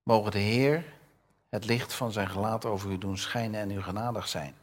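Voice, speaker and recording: With a lowish voice, fairly even intonation, and normal speed, the older man preaches in a conversational way. He puts questions to his listeners and reads Bible passages aloud, lifting his voice as he does.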